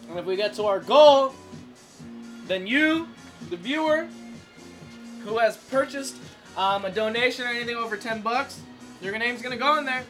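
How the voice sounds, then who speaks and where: Brief: excitable male stream host, high bright voice, casual and profane, pitching donations to viewers. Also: moderate pace, long pauses, soft background music. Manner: loose, excitable, swears freely, reads viewer chat aloud. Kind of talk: casual live-stream chat while cooking.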